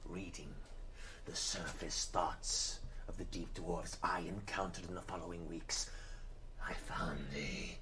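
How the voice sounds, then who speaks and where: A man voicing a creepy male mind flayer in whispered role-play, slow and hushed. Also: sits low, background noise. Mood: eerie.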